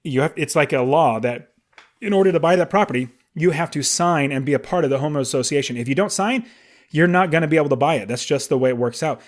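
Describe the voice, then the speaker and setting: A man's voice: on the high side, quick pace. A man in his late thirties hosting a solo podcast, talking in an enthusiastic, conversational way with emphatic asides. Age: 30s. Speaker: podcast host.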